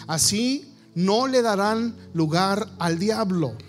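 A man's voice: sits high, animated, slow pace, faint music behind. A male pastor preaching a sermon on marriage, playfully acting out quoted husbands and wives. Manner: playful, acts out quoted spouses.

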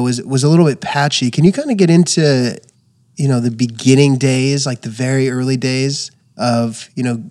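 A man's voice: mid-range voice, darkish tone. A man hosting a podcast, asking long rambling questions full of restarts and fillers. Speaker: podcast host. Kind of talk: casual interview.

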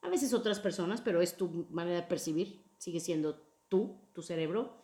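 A woman hosting a casual podcast chat about emotions, talking in an expressive, playful way. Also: mid-range voice, echoey room. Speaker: podcast host.

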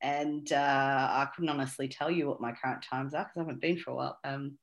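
A woman's voice: extremely low pitch, steady tone, fast talker, gravelly, lo-fi sound. A woman, an interview guest who talks casually with many fillers and restarts. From Australia. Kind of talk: conversational interview.

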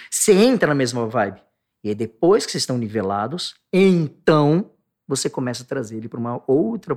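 Brazilian man, guest explainer, husky voice, mid pitch, swings from loud acted outbursts to soft low asides. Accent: Brazilian Portuguese. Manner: animated, acts out angry outbursts in sharp bursts; drops to a soft, low tone for calm points. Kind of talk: explanatory talk on stress and anxiety.

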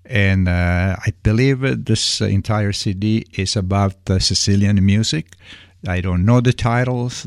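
A man hosting a radio program, reading announcements and chatting unscripted in a halting, hesitant way, often searching for words. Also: lowish voice, creaky, no echo, clean studio sound.

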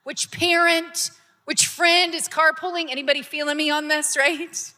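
Bright-voiced woman pastor preaching. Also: sits high, steady tone, normal speed. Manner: conversational preaching with rising emphasis. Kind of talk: sermon. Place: church sanctuary. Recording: long hall reverb.

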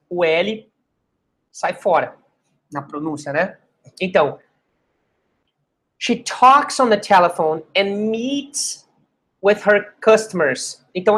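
A Brazilian English teacher, a native Portuguese speaker, giving a bilingual lesson who repeats English words slowly to show pronunciation. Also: mid-range voice, a bit bright.

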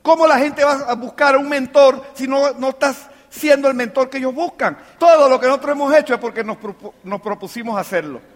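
A man's voice: very high voice, fairly quick, few pauses. A man giving an emphatic motivational talk to a business audience, firing off rhetorical questions. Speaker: business mentor speaking to a team. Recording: long reverb of a live hall.

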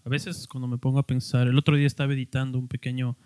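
A man hosting his own podcast, talking casually and haltingly, often restarting words as he explains. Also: mid-range voice, level tone, darkish tone, clean tone, no room sound. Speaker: podcast host. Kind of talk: casual solo podcast talk.

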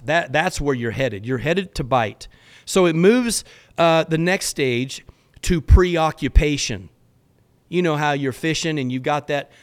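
Earnest man preaching on a podcast. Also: medium pitch. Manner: earnest, exhorting, casual address with stammered repeats. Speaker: podcast host teaching on faith. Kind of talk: sermon-like podcast teaching.

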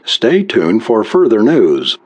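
A man's voice: on the low side, huge pitch swings, slow, darkish tone, exaggerated voice. A man voicing a male radio news announcer giving an urgent, formal bulletin. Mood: grave. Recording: dull lo-fi recording.

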